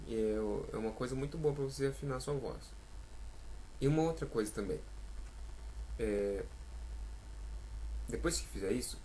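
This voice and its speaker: A man's voice: mid-range voice, a little hiss or hum, rough recording. A man with a Brazilian accent giving a casual singing lesson, chatty and encouraging, calling out sample notes as he teaches.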